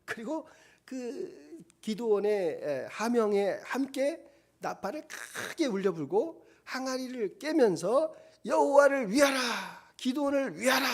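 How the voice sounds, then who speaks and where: A middle-aged male pastor preaching a sermon, telling a Bible story vividly and acting out its quotes. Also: sits high. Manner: animated storytelling with acted quotes.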